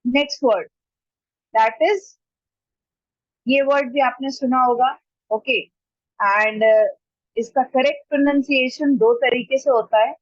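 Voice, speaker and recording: A woman teaching pronunciation in an online class. She repeats each word slowly and deliberately, mixing Hindi and as she explains. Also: high voice, no room sound, highs cut off. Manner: slow, deliberate repetition of words to model pronunciation. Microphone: computer mic during a screen-shared online class.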